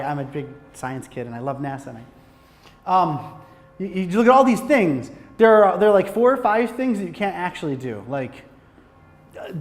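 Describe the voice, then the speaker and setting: A man's voice: sits high, big-room sound. A man from Michigan with an American accent, giving a casual, joking talk on filmmaking to a live audience. He speaks animatedly, swears freely and often restarts his sentences. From Michigan, USA. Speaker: film director giving a talk. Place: hot lecture room with an audience.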